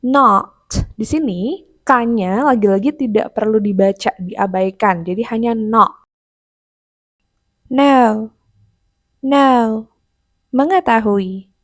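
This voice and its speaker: A woman teaching vocabulary, saying each word twice and then reading example sentences slowly and clearly in a patient explaining tone. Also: a little high, dry recording. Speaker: English teacher. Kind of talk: vocabulary lesson narration.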